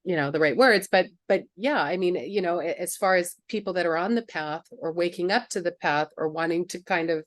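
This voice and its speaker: Hesitant low-voiced woman host, dry sound. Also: a little fast, hardly any pauses, dry recording. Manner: hesitant, searching for words with many fillers. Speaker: interview host. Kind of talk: casual interview chat.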